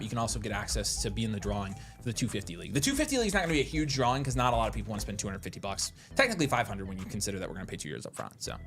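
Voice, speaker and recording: A man co-hosting a casual livestream, chatting excitably with quick asides and frequent restarts. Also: fairly low pitch. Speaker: livestream co-host.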